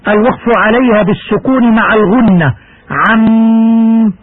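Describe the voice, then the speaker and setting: Man, recitation teacher, high voice, measured formal delivery, dry narrow radio sound. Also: lively intonation, no room sound. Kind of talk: scripted lesson narration. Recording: husky, dry, phone-like radio broadcast.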